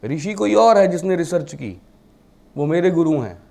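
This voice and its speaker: A man's voice: a little high, expressive, moderate pace, vocal fry, a little mellow. A man teaching a class, mixing English terms into his Hindi and asking the class rhetorical questions. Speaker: vastu teacher. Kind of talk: classroom lecture.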